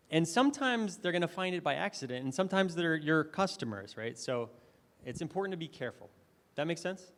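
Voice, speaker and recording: Chatty man presenting in a reverberant hall. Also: on the high side. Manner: conversational, enthusiastic, asks the audience questions. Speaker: conference speaker. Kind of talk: conference presentation. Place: conference hall.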